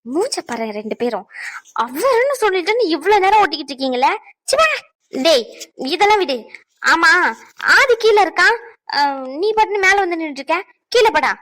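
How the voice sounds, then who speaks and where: A woman's voice: extremely high pitch, big pitch swings, moderate pace, long pauses, fairly bright tone, full character voice. A woman voicing an irritated young woman in a cartoon who scolds her teasing friends. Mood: annoyed. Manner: scolding, exasperated. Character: irritated young woman, sharp-tongued, easily annoyed. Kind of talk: cartoon voice acting.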